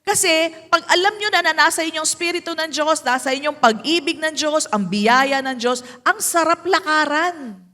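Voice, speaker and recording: Bright, high-voiced Filipino woman preaching. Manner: mixes English and Tagalog, drawn-out emphasis, playful asides. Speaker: pastor. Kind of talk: sermon. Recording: echoey hall.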